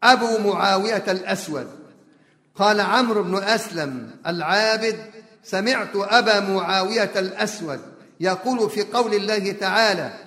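High-voiced male preacher in an echoey hall. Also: moderate pace, sharp tone. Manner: explains each phrase, chants Quran verses. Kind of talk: sermon storytelling.

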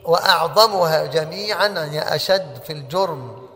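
A man's voice: on the high side, lively intonation, moderate pace, a bit bright. A man teaching a religious lesson, who keeps asking his listeners rhetorical questions. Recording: long hall reverb.

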